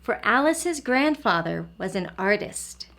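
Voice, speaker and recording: In a medium-pitched, sing-song, fairly bright voice, a woman hosts an early learning lesson and reads a storybook aloud. She speaks to small children in simple, encouraging phrases, asking them questions and pausing for answers.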